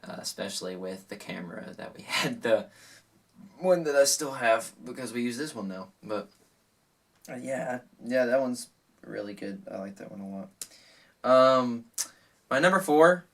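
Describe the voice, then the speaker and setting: A man's voice: mid-range voice, expressive, normal speed, pauses often, far from the mic. A young man co-hosting a casual chat, laughing often and full of fillers and restarts. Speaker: co-host.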